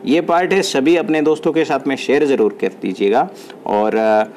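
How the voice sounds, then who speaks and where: A man teaching an exam-prep lesson, reading English definitions slowly and then explaining them in Hindi. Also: medium pitch, a little mellow, a little hiss or hum.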